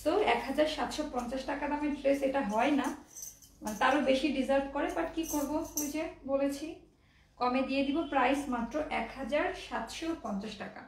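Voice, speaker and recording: A woman's voice: high voice, brisk. A young woman from Bangladesh showing dresses for sale at home, chatty and a little out of breath, mixing English words into her talk. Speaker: online clothing seller. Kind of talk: casual live product showcase. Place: room at home. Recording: echoey room, somewhat far from mic.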